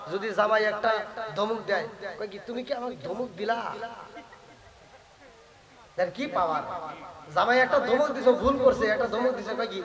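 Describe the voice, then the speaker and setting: High-voiced preacher chanting to a crowd. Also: male voice, echoey room, rough recording. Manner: fervent, sings passages, throws rhetorical questions at the crowd. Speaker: Islamic preacher. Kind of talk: Bengali religious sermon with sung chanting.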